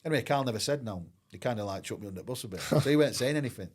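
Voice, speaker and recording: Talking very fast at a medium pitch, a middle-aged ex-footballer sounds expressive and a little mellow. He's a guest in a laid-back interview, telling his story frankly and loosely, full of "I says" and "like."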